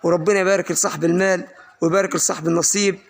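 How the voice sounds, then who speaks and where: A man with an Upper Egyptian Arabic accent giving an exclamatory, repetitive livestock sales pitch in the manner of a street vendor's chanting cry. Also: steady tone, racing. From Egypt, Asyut in Upper Egypt. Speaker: livestock seller presenting his sheep for sale. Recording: noisy recording with animals bleating. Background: sheep bleating.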